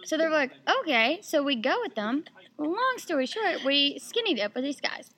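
A young woman, a guest on a chatty podcast. Her voice is high and very bright. She rambles through her story with fillers and restarts. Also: lively intonation, moderate pace. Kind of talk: casual storytelling chat.

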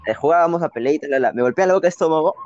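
A young man with a Peruvian accent tells stories at a rapid clip, animated and full of slang. His laughter slips in between lines. The recording is dry and a little dull. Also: fairly high pitch, dry recording. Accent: Peruvian Spanish. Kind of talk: casual storytelling chat.

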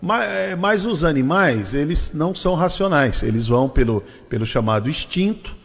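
A man's voice: fairly high pitch, expressive, moderate pace, creaky, breathy edge, in a large hall. A man hosting a morning radio show from São Paulo, chatting casually and laughing often, with a Brazilian Portuguese accent. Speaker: radio host.

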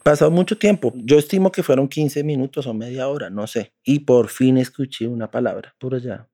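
A man's voice: mid-range voice, fairly quick, warm tone, no echo, clean studio sound. Profane Colombian man retelling his ordeal. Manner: vivid and profane, acting out his own quotes. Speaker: interviewee, skydiver. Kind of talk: personal account in a documentary podcast.

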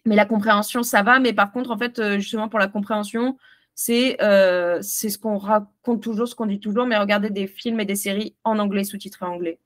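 A woman's voice: medium pitch, fairly even intonation, fairly quick, no echo. A woman from France, a podcast guest, giving travel advice in a chatty way, full of hesitations and restarts. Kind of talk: casual interview chat.

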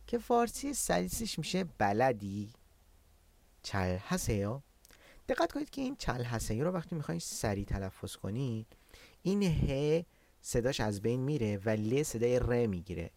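A man teaching Korean in an online lesson, explaining patiently and repeating words for learners, sometimes slowing right down to spell a word out syllable by syllable. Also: medium pitch, no echo.

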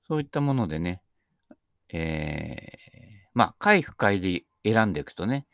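An older man talks in a chatty, rambling, self-deprecating way, with the speech of someone missing front teeth. His fairly low voice swings widely in pitch. The recording is dry and close, and he delivers a casual, humorous monologue. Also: sing-song, measured pace, dry recording. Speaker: speaker giving talks on Buddhist sayings.

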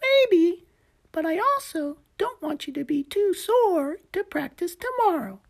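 A woman's voice: very high voice, expressive, measured pace, pitched above the performer's own voice, full character voice. A woman voicing an eager, cheerful little male gecko who coaches his friend in a storybook reading, chirpy and encouraging. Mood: coaxing.

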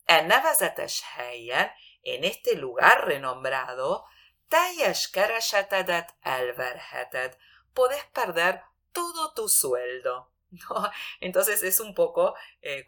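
Low, slow-spoken woman teaching a language. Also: sharp tone. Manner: patient, explanatory, recites examples slowly. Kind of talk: radio language lesson.

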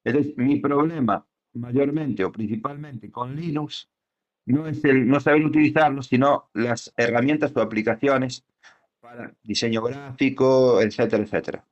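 Heard through dull, lo-fi podcast sound, a man with a mid-range voice talks at normal speed while co-hosting. His casual conversation meanders, thick with fillers and restarts.

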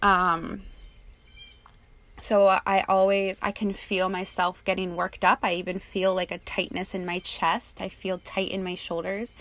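Slow, soft-spoken young woman guiding meditation. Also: medium pitch. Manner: soft, calm and unhurried, with casual fillers. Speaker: meditation guide. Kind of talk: guided meditation and personal reflection.

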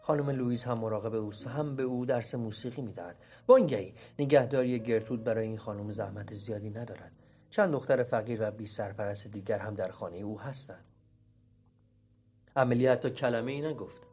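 A man reading a literary novel aloud as an audiobook narrator, in a measured, steady storytelling manner. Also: medium pitch. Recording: dull lo-fi recording with music beneath. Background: music.

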